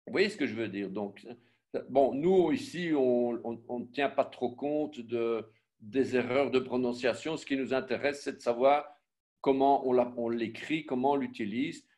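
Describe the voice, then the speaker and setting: A man teaching a Biblical Hebrew lesson online, spelling out syllables and letters one by one, often pausing to correct himself. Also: mid-range voice, darkish tone. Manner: self-correcting, with frequent fillers and restarts. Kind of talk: online class with screen sharing.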